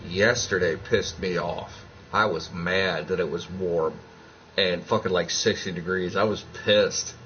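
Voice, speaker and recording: A man's voice: deep voice, a little slow, highs cut off, slight background noise. A man hosting a livestream, chatting casually and telling stories with plenty of swearing. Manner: profane, animated storyteller. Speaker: livestream host. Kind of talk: casual chat.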